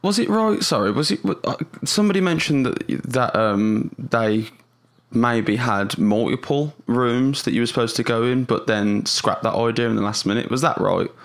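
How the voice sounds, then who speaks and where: A man's voice: mid-range voice, moderate pace, gravelly. A man co-hosting a casual podcast, hesitant and full of fillers but blunt and sarcastic in his opinions. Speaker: podcast co-host. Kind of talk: casual chat.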